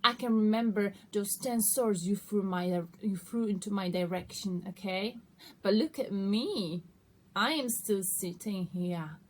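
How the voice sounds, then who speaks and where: The online tarot reader speaks at medium pitch and a measured pace, her voice a little mellow. Her reading is relaxed and conversational, with frequent check-ins with listeners. Background noise is noticeable.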